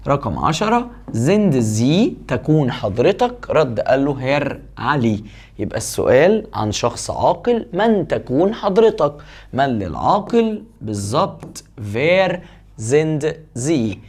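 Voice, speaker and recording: A man with an Egyptian Arabic accent teaches German, with a pitch that moves a lot and climbs on every question. He explains in quick Arabic, then slows right down for each German phrase. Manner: switches between Arabic explanation and slow, careful German; lively, rising question intonation. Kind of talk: language lesson.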